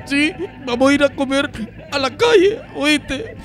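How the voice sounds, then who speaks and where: A man's voice: extremely high pitch, animated, measured pace, soft background music, a faint crowd. A man with a Nicaraguan Spanish accent acting in a comic sketch, pleading and joking.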